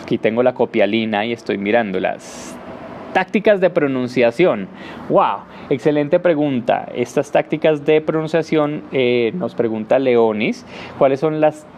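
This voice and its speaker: Speaking at a measured pace, a man runs a live question-and-answer English class, patiently filling gaps with "eh" and beating out rhythms as "ta ta ta". His tone is darkish and medium in pitch, with a bit of hiss or hum behind it.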